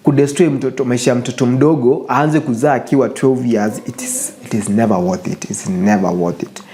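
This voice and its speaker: A man's voice: medium pitch, steady tone, a little fast, dark tone. A young man with a Kenyan accent hosting his show, giving casual, earnest advice to viewers, switching between English and Swahili and repeating phrases for emphasis. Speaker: show host.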